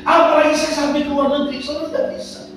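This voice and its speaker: High-voiced older preacher in an echoey hall. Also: male voice, level tone, fast talker, a bit bright. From Sumatra. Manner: addresses the congregation as "saudara" constantly. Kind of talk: sermon with personal stories. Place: church hall. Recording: echoey hall from far off with music.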